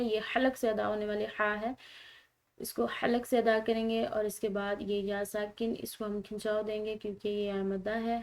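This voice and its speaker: Patient woman teaching Quran recitation. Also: medium pitch. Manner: explains rules patiently, then recites slowly and loudly. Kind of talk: tajweed lesson with slow drawn-out recitation.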